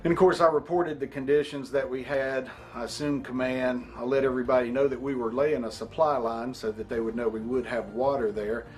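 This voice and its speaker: Measured man recounting, music behind. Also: medium pitch, steady tone, darkish tone, poor audio. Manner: measured, explanatory. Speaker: firefighter, company officer. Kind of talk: documentary interview recollection. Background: background music.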